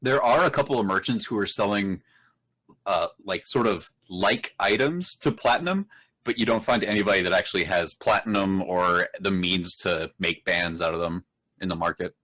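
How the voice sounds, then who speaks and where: A man narrating as game master of a tabletop game, describing scenes in an unhurried way with many fillers. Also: low-pitched, bright, forceful tone, low-quality recording.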